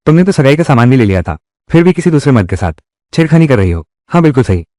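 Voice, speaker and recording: Animated male drama dub voice. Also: medium pitch, quick pace, no room sound, studio quality. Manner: heated, quarrelsome dialogue delivery. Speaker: dubbing voice for all roles. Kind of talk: dramatic Hindi drama dubbing.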